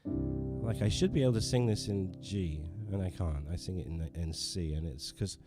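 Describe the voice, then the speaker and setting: A man's low voice moves at a moderate pace over music as he hosts a relaxed livestream in his living room. He is a pianist with a digital piano there, and he rambles, pokes fun at himself and restarts many times while talking to viewers.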